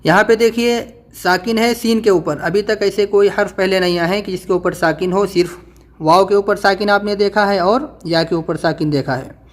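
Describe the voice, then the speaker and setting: A man teaching Quran reading, drawing out letter sounds slowly and then explaining quickly. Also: high-pitched. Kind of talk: spelled-out reading lesson.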